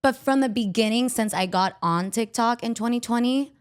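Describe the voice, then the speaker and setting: A woman's voice: a little high, normal speed, clear, resonant tone. A woman with a Miami accent hosting a podcast, chatting casually in a slangy, gushing way. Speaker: podcast host, actor. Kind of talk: casual chat.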